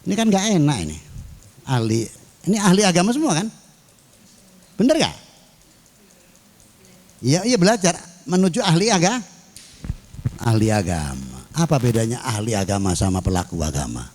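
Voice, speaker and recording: A man's voice: mid-range voice, huge pitch swings, normal speed, pauses often, darkish tone. A male cleric delivering a sermon in a humorous way, often throwing questions to his audience. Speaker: cleric and mosque council chairman.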